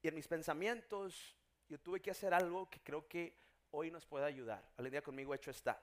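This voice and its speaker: A man preaching a sermon as pastor, building from hushed storytelling to shouted emphasis. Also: fairly high pitch, moderate pace.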